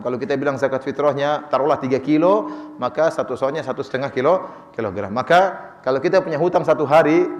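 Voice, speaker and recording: A man preaching and answering audience questions in a lively manner, acting out quoted dialogue with light chuckles. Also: mid-range voice, long reverb tail. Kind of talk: sermon Q&A.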